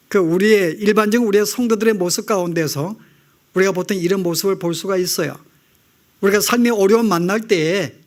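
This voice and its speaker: A male pastor with a high voice preaches a sermon. He keeps turning to the congregation with rhetorical questions, then slips into the voices of anxious believers praying. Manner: rhetorical questions to the congregation, acting out quoted prayers.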